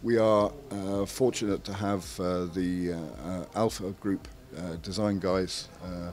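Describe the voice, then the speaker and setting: A man talking through the technical features of a product in an interview, measured and filled with frequent pauses. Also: low-pitched, steady tone, a little mellow. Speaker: camera maker's representative.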